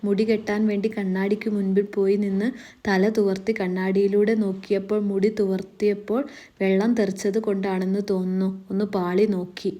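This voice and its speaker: A woman, reading a love story aloud in a soft, even way. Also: mid-range voice, moderate pace.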